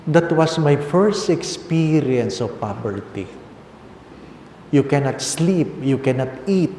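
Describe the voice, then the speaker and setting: An older man in his sixties with a Filipino accent, preaching a personal testimony as a priest. His voice is mellow and unhurried, and he often repeats phrases for emphasis. The sound rings with the long reverb of a large hall, under faint ambient noise. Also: fairly high pitch, animated. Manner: switches between Tagalog and English, repeats phrases for emphasis.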